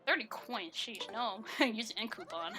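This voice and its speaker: A woman's voice: fairly high pitch, expressive, moderate pace, sharp tone, slight background noise. A woman giving casual, giggly gameplay commentary, chatting with lots of fillers. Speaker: let's play gamer.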